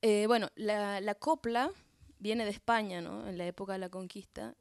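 An Argentine woman, a folk singer guest on radio, explaining a song tradition in a hesitant way, often pausing to search for words. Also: mid-range voice, fairly even intonation, a little mellow, dry recording, studio quality.

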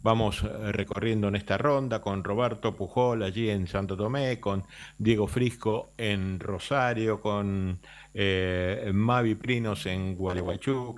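An Argentine man reports live for regional radio from a remote spot over an app link. His voice sits low. He pauses often and fills gaps with "eh". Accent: Argentine Spanish. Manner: halting, many fillers. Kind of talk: live radio news roundup. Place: remote broadcast location. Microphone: app-based remote link.

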